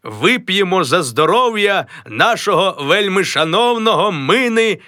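A vain, self-important middle-aged fellow from a stage comedy, as a man reads him aloud, grandly trying out one greeting voice after another. He speaks slowly, his pitch leaping high and low in a bright, forceful tone over a dry, close sound. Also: very animated, no room sound, heavily acted. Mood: pompous. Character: pompous middle-aged man rehearsing a grand new name.

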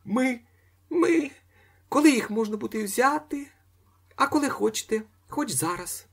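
A man voicing a flustered, excitable elderly man who squeals and sputters his outbursts. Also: extremely high pitch, measured pace, gravelly, husky, pitched above the performer's own voice, exaggerated voice. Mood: ecstatic.

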